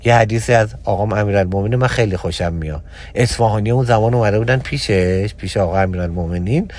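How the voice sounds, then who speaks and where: A man giving a religious motivational talk as a spiritual teacher, hammering points with repetition and swinging between loud exhortation and a low, confiding tone.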